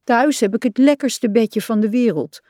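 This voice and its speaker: A woman's voice: fairly high pitch, moderate pace, dark tone, dry recording, studio quality, voice pushed up, natural voice. A woman voicing a small, timid male frog who whines and complains in a storybook. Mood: plaintive. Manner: plaintive, complaining.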